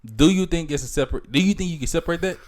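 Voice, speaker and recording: A man's voice: fairly high pitch, very fast, darkish tone. A young man co-hosting a podcast in casual chat, emphatic and teasing, leaning on catchphrases like "you feel me". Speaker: podcast co-host.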